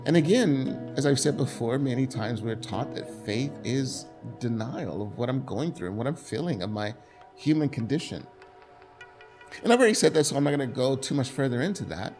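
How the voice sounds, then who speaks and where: Animated, gravelly-voiced male pastor. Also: medium pitch, moderate pace, over music. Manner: animated, conversational preaching with frequent restarts. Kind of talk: sermon.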